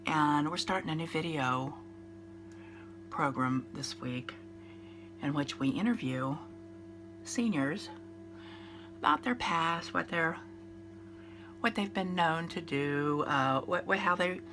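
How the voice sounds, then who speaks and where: A woman in her fifties, a beauty vlogger, rambles casually through her makeup routine in a low, slow voice that sounds nasal and congested from a cold. She pauses often, uses fillers and restarts, and there's noise in the background.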